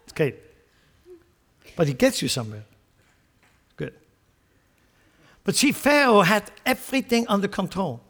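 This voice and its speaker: A man preaches in a fairly high voice. He leans hard on key phrases, then drops to quiet asides and chuckles at his own jokes. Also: very animated, measured pace, long pauses. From Switzerland. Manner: emphatic, swings between loud stressed phrases and quiet asides. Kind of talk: sermon.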